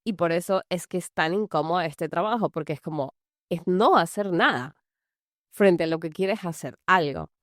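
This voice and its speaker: Low-voiced woman giving casual advice. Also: expressive, moderate pace, no room sound, studio quality. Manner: loose and conversational, full of "es como" fillers. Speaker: anger management coach for mothers. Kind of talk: casual talking-to-camera advice. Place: large house.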